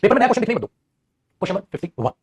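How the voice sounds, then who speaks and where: A man's voice: sits high, big pitch swings, rapid-fire, breathy edge. A man teaching English grammar in an online exam-prep lesson, explaining in Hindi, reading English example sentences aloud, quizzing students and calling them "beta".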